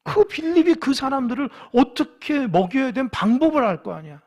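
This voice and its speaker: A man delivers a sermon in a church in a high, husky voice. He talks to the congregation as if in conversation and keeps asking them questions. He acts out the lines of the biblical figures he is describing. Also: very animated, fairly quick, darkish tone, dull audio. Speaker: pastor. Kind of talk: sermon at a Wednesday church service. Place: church sanctuary.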